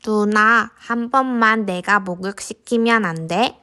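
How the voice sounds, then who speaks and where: A woman's voice: mid-range voice, slow, pushed and bright, clear, resonant tone. A woman voicing an imaginative, envious little boy in a picture book read aloud to toddlers. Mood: pleading. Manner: childlike, simple storybook delivery for toddlers. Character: imaginative little boy envying his big sister's puppy. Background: background music.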